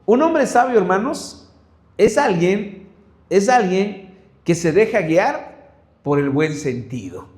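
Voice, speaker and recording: Delivering a sermon during Bible study, a Mexican man speaks in a fairly high, slightly mellow voice with a Mexican Spanish accent and a sing-song lilt. He talks slowly, pausing often, and hammers his points with stacked rhetorical questions in an echoey room.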